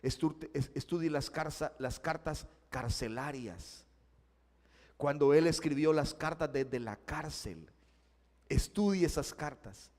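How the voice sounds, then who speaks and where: High-voiced pastor preaching. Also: male voice, slow. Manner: emphatic preaching that swings between loud climaxes and low asides. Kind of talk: sermon. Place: church sanctuary. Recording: church hall with long reverb.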